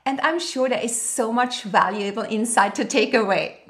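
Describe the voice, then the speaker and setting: A podcast host reads a guest's bio from a script, then moves on to earnest interview questions. Her voice is a little high and a bit bright, at a normal speed.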